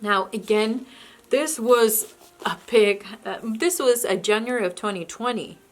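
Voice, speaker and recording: A book vlogger chats casually about her book haul in a slightly high, unhurried voice. English is her second language, not her first, and she often hesitates and restarts.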